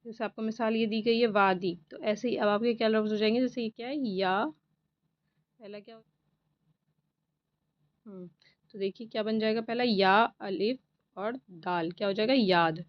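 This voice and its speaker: A woman's voice: medium pitch, fairly even intonation, normal speed, pauses often, no room sound, muffled recording. A woman teacher patiently going through an exam paper, asking questions and answering them herself. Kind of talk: exam paper walkthrough lesson.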